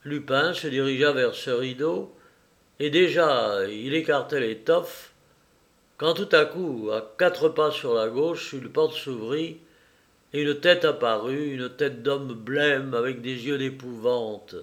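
A man narrating an audiobook in a measured, unhurried reading. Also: medium pitch, a bit bright.

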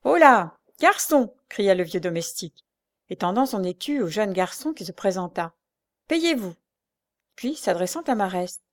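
A woman reading a classic novel aloud as narrator, steady and measured. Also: on the low side.

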